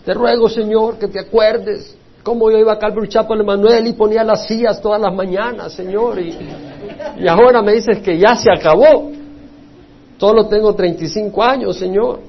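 In a sermon, a man acts out a desperate young king begging for more years. The voice climbs higher and louder in tearful pleading. The recording is dull and lo-fi. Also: fairly even intonation, normal speed, a little hiss or hum.

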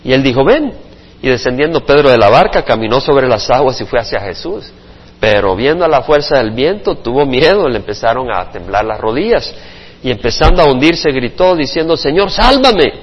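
Husky-voiced pastor preaching in a reverberant hall. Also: male voice, medium pitch, brisk. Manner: expressive preaching with sound effects and acted quotes. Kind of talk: sermon Bible study. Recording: muffled reverberant church recording.

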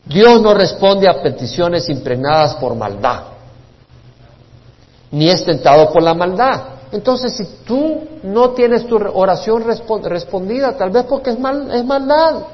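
Emphatic preacher. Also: male voice, high voice, a little slow, long reverb tail, muffled recording. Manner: storytelling preacher, animated and emphatic. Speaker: pastor. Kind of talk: sermon Bible teaching.

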